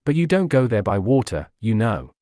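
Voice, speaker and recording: A man voicing a cool-headed young gentleman who speaks with dry, wry humour. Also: mid-range voice, sing-song, moderate pace, no echo, close to an everyday voice.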